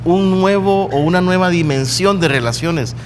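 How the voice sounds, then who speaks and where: A man with a Salvadoran accent talks as a guest on a television interview, his voice sitting a little higher than most men's. He builds his points with passion and rises into emphatic declarations. A faint hum lies under his speech. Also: moderate pace. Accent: Salvadoran Spanish. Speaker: university faculty dean, studio guest. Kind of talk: earnest TV interview talk.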